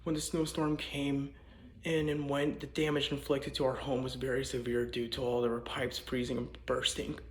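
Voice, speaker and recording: A man's voice: medium pitch, little pitch movement, normal speed. A young man, a student, giving an earnest, apologetic class speech that he reads from a script, recorded inside a house with the walls torn out. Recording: echoey bare room.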